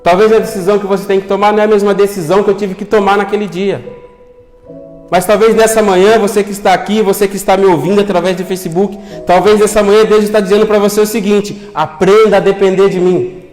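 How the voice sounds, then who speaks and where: A young man preaches in a church hall, his voice ringing with long reverb. He tells a story in an earnest way and acts out the voices of the people in it. Soft music plays underneath. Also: sits high, flat delivery, fast. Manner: storytelling, acting out quoted voices, earnest appeals. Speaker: pastor. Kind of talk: sermon with personal story.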